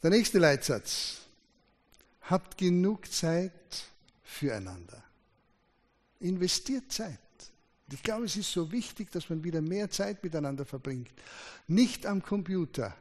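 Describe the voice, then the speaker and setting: A man's voice: sits high, expressive, unhurried, a little mellow. A man preaching a sermon, emphatic, his voice rising and dropping sharply to stress his points. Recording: long hall reverb.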